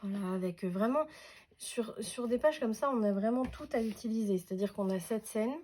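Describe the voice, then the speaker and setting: A woman's voice: mid-range voice, moderate pace, darkish tone. A woman chatting casually through a craft unboxing, hesitant, with many fillers and restarts. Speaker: craft vlogger.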